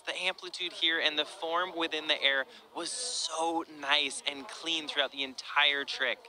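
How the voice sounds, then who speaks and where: A man's voice: a little high, sharp tone, low-quality recording. A man giving live sports color commentary as an expert analyst, breaking down technique with enthusiasm.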